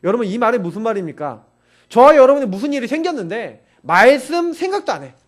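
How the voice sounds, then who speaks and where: A man's voice: extremely high pitch, very animated, quick pace. A man pastor preaching a sermon in an emphatic, insistent way, urging his listeners again and again.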